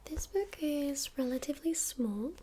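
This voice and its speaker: A woman in a whispered role-play as a friendly librarian, speaking in a hushed, gentle library whisper close to the microphone. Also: high-pitched, animated, measured pace, slight background noise. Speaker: friendly librarian recommending books.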